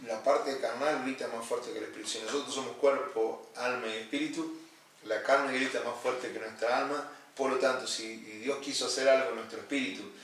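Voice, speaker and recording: Earnest pastor, echoey and distant. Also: male voice, medium pitch, fairly even intonation, a little fast, a bit bright. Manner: earnest, explanatory, repeats key phrases. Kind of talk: Bible study teaching and counseling. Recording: echoey room, distant mic, faint noise.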